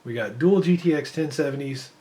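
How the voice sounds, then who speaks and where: A man's voice: a little high, fairly quick, mellow. A man losing his voice, giving casual rambling commentary while he benchmarks PC games. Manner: rambling, thinking aloud with fillers. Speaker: PC gaming benchmark creator.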